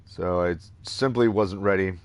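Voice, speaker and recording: A man's voice: deep voice, a little slow, clean tone. A tired man rambling through casual gameplay commentary, chuckling at himself and hesitating often. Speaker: let's play gamer.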